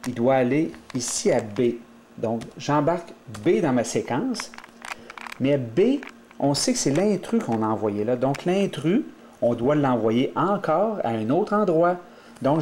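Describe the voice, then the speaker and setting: A man's voice: mid-range voice, dark tone, slight background noise. A man with a Québécois French accent giving a step-by-step tutorial, methodical and thinking aloud as he works. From Quebec. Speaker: instructor.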